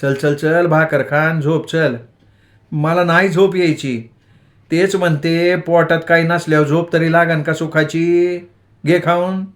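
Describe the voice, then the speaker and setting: A man's voice: fairly high pitch, steady tone, a little slow, voice pushed up, lightly acted. A man voicing an affectionate rural mother who scolds tenderly in village dialect, in a storytelling audiobook. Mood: coaxing, tender. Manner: coaxing, chiding village dialect.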